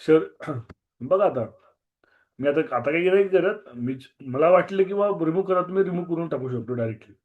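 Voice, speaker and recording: A man with a Marathi accent teaches an online maths class, and his voice sounds a little hoarse. His pitch sits fairly high for a man. He is strict and repeats key words. The video-call audio is muffled. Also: expressive, normal speed. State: slightly hoarse.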